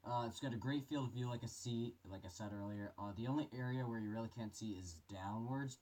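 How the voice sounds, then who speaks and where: A man's voice: mid-range voice, dark tone. A man giving a casual gas mask review, his voice muffled as he talks through the mask he is wearing. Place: bedroom.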